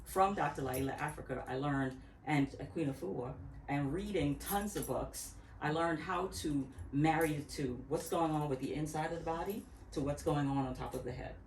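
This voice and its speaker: A woman in her fifties from Barbados talks reflectively at her home, drifting through restarts and asides. Her voice sits low, and she is recorded from a distance in an echoey room with faint background noise. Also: moderate pace, darkish tone. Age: 50s. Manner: reflective, rambling with restarts and laughs. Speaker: interview guest, natural hair care practitioner. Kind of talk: casual interview talk. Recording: echoey room, far from the mic.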